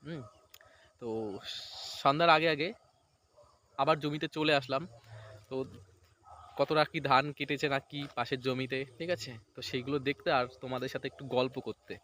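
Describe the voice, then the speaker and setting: A man's voice: medium pitch, level tone, fairly quick, long pauses, bright, forceful tone, a little hiss or hum. A man, chatting casually in a vlog outdoors beside a paddy field. He rambles and keeps checking in with "right?". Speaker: vlogger.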